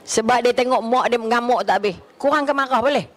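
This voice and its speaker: A man with a Malaysian Malay accent giving a lively religious talk on parenting, asking rhetorical questions and laughing often. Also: very high-pitched, fast.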